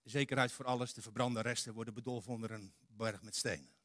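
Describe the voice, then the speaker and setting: A man preaching a lively sermon in a church. His voice is bright and forward, and the sound is close and dry with no room echo. He acts out quotes dramatically, swinging from loud to hushed. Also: medium pitch, quick pace.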